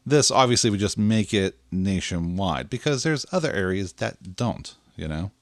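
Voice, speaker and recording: A man's voice: low voice, normal speed, no echo, studio quality. A man co-hosting a podcast, chatting casually with many fillers. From Pittsburgh area. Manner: relaxed, chatty, lots of fillers. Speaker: podcast co-host. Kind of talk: casual chat.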